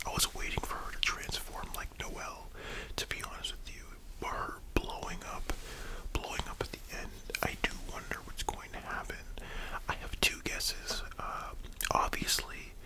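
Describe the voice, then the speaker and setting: Soft whispery asmr host, breathy and unvoiced, chatting casually and thinking out loud. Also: low-quality recording. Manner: casual, musing, slangy.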